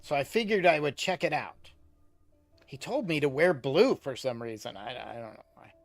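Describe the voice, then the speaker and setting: A game master voicing a clueless, hesitant man looking for work, halting and unsure. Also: mid-range voice, expressive, faint music behind, lightly acted. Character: clueless, hesitant male job seeker.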